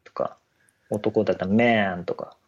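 A man's voice: fairly low pitch, flat delivery, normal speed, warm tone, breathy edge. A man chatting casually and politely on a podcast, often laughing. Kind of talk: casual chat. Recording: dull lo-fi audio.

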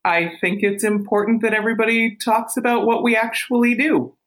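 A woman in her late thirties talking candidly and haltingly in an interview, her voice altered to hide her identity. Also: a little high, fairly even intonation. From small town. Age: late 30s. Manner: hesitant, halting recollection. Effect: voice altered for anonymity. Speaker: anonymous interview guest.

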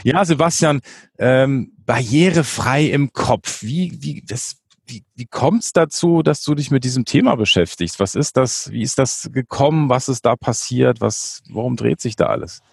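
A man hosting a conversational interview, repeating words haltingly as he forms his questions. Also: mid-range voice, vocal fry, husky, dry recording, clean studio sound. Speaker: podcast host, interviewer.

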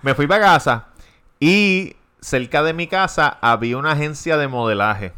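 Laughing Puerto Rican storyteller, clear voice. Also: male voice, a little high, moderate pace, pushed and bright. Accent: Puerto Rican Spanish. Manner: storytelling, swears freely, laughs often. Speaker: podcast host. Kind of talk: casual podcast chat.

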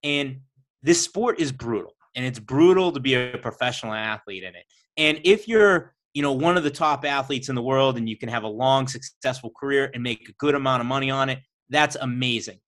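A man's voice: mid-range voice, brisk, fairly bright tone. A man hosting a podcast, talking to his guest in an earnest, encouraging way. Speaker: podcast host. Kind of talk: casual podcast chat.

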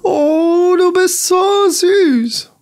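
Man faking a squeaky-voiced demanding girlfriend. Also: extremely slow, over music, full character voice. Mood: gushing. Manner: high squeaky falsetto. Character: demanding girlfriend, adult woman, coy.

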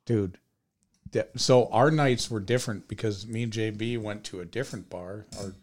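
A man's voice: fairly low pitch, moderate pace. Laughing man in casual podcast chat. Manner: laughing, joking storyteller. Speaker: podcast co-host.

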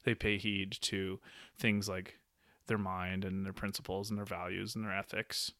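A man's voice: sits low, little pitch movement, normal speed, bright, forceful tone, dry recording, clean studio sound. A man in a casual book discussion, enthusiastic, often laughing and acting out quoted lines. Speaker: discussion co-host.

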